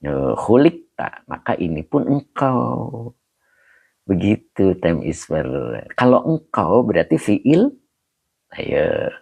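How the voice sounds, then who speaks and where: A man teaching Arabic grammar in an online study session, relaxed and chuckling often, drawing out Arabic slowly. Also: medium pitch, gravelly, slightly rough, dry recording, narrow, tinny audio. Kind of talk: online livestream lesson, reading comments.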